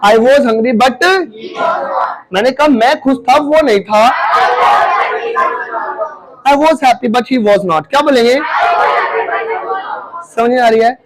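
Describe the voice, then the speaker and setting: A man's voice: extremely high pitch, slow, pauses often, a loud crowd, very noisy. A man with an Indian accent teaching an English class, calling out questions to his students and often raising his voice. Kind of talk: classroom lesson in Hindi and English.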